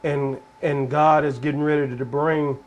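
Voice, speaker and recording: A man explaining prophecy in a casual, sermon-like way. He is earnest and deliberate and keeps repeating phrases. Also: on the high side, flat delivery, a little mellow, low-quality recording. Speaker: prophecy teacher.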